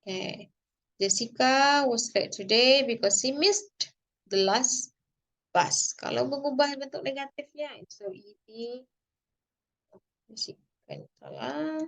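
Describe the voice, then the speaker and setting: A woman with an Indonesian accent teaching English grammar, explaining slowly and deliberately and switching between English and Indonesian. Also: high voice, expressive, gravelly, a bit bright. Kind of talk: online grammar lesson.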